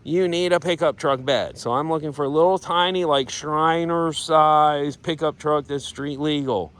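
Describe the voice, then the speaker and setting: A man giving a casual walkaround of a vehicle he is giving away. He rambles, loses his train of thought and slips into a playful infomercial-style sales pitch. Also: fairly even intonation, measured pace, fairly bright tone, smooth. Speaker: vlogger showing a vehicle giveaway.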